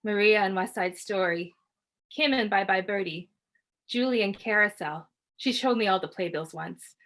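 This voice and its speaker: A woman reading literary fiction aloud in a measured, quiet way. She narrates steadily in the first person, keeping her delivery even and unhurried. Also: mid-range voice. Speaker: author reading at a book launch.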